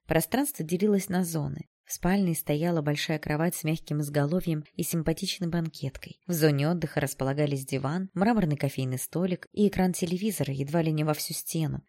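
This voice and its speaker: A woman narrating a first-person audiobook with expressive, emotional storytelling. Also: deep voice, gravelly.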